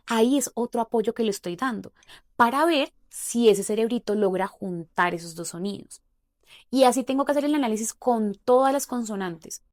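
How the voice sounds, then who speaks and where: A woman's voice: mid-range voice, no echo, clean studio sound. Chatty woman explaining step by step. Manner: chatty, explains step by step, uses many fillers like "o sea". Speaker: speech therapist teaching. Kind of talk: casual explanatory lesson.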